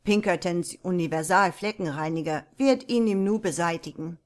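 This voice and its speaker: A woman's voice: fairly low pitch, moderate pace, lightly acted. A woman reading the part of a brash young American man who scoffs and crows in triumph. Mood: brash, triumphant.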